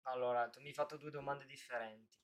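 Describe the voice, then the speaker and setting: A man's voice: medium pitch, steady tone, fast. A man in casual live-stream talk, thinking aloud in long rambling answers full of restarts.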